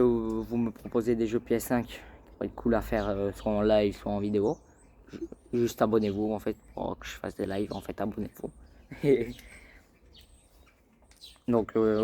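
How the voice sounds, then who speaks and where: A man's voice: on the low side, warm tone. A man hosting a casual gaming vlog, rambling and hesitant, with lots of fillers and repeated call-outs to his viewers. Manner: keeps addressing viewers as "les gars". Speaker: gaming channel host.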